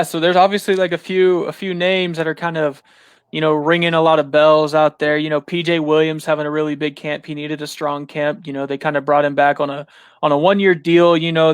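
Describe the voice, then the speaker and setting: A sports writer appearing as a podcast guest talks football in a relaxed way, leaning heavily on fillers, especially "you know." His voice is a little high and clean, in a dry, clean studio recording.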